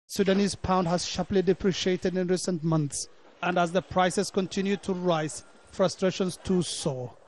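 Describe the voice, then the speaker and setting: A male news reporter reads a broadcast report in a measured, formal way. His voice sits high, and a faint noise runs under the archive clip. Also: fairly even intonation, a little mellow.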